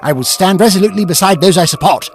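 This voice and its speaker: A man playing a defiant, eccentric alien time traveller in a sci-fi audio drama, speaking in theatrical, expressive speeches. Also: high voice, fast talker. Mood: resolute. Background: music.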